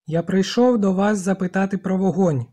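Reader doing a stubborn boy leader in an audiobook, loud and emphatic, husky warm voice. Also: mid-range voice, moderate pace, natural voice. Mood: commanding.

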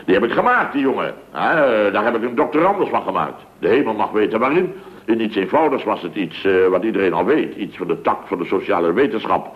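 A man playing a blustering, excitable male contractor boss in a 1960s radio comedy, with stammering and loud yelps. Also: fairly low pitch, fairly quick, close to an everyday voice. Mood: rambling. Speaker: boss of a building firm. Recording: dull lo-fi old radio recording.

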